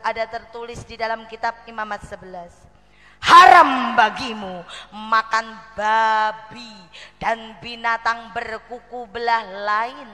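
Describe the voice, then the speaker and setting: Bright-voiced Javanese woman preaching in a hall. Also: a little high. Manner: lively storyteller, acts out quoted friends, mixes in Javanese. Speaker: preacher telling her conversion story. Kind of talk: storytelling sermon to a female audience.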